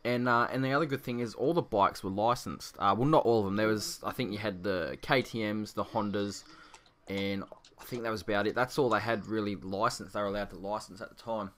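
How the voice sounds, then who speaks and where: An Australian man in his twenties rambles through easygoing gameplay commentary, often correcting himself mid-sentence. His voice is bright and forward, and it echoes off the bare walls of a nearly empty room. The echo stays with every word. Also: lowish voice, brisk. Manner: rambling, laid-back, self-correcting. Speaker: gaming video creator.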